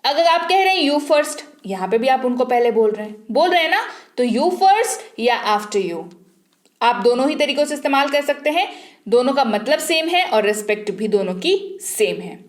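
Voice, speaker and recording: A woman teaching an online English speaking class, reading each phrase slowly and repeating it twice for learners to copy. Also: sits high, sing-song, roomy sound. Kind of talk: spoken English lesson.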